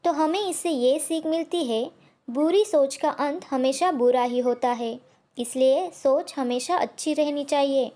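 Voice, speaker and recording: A woman tells a children's cartoon story in a simple, steady storyteller's manner. Her voice sits high and clear. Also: a little slow. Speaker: narrator.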